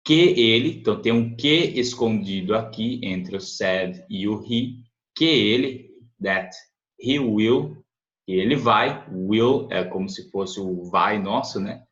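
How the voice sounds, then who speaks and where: Low-voiced Brazilian man teaching English, echoey. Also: a bit bright. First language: Portuguese. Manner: explanatory, repeats words slowly for pronunciation, frequent tag questions. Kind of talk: language lesson, translating and explaining. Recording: echoey, dull lo-fi room recording.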